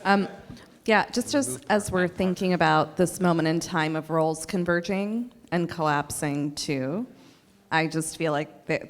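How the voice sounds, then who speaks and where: Woman, earnest, thinks aloud with restarts, slightly low voice, echoey hall. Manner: earnest, building points with restarts. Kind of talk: meeting discussion.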